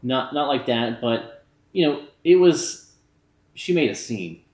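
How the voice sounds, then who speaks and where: A man in an echoey room gives a casual movie review. He sounds tipsy and rambles loosely, with a mid-pitched voice. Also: expressive, slow, a little mellow.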